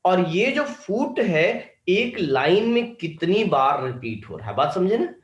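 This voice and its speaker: A man's voice: high-pitched, big pitch swings, takes it slowly, muffled recording. Male teacher, echoey room. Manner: keeps asking students if they understood. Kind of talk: online lecture.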